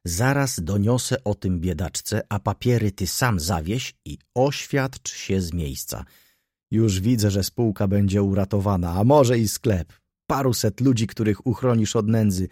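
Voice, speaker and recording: A man voicing an aging, excitable old shop clerk who pleads fervently and climbs to high, excited peaks. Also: no room sound, studio quality. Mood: urging. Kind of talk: audiobook dialogue reading.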